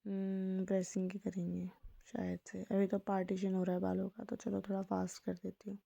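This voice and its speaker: A young woman narrating a casual vlog voice-over in a soft, hushed, chatty way. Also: medium pitch, completely flat delivery, normal speed, vocal fry, no room sound, muffled recording. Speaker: vlogger.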